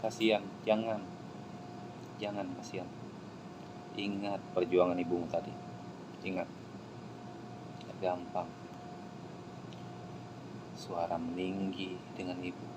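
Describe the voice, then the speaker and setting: A man delivers an impassioned sermon in a lowish voice. He drops to hushed pleading, then rises to loud exclamations. A faint hum of background noise runs beneath him. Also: level tone, takes it slowly, long pauses. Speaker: preacher. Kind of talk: emotional sermon.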